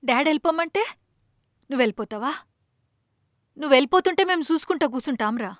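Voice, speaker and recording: A woman's voice: high-pitched, expressive, fast, dry recording, clean studio sound. An actress playing a worried, scolding mother who pleads with her grown son, speaking with a Telangana Telugu accent in a web series drama. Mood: pleading.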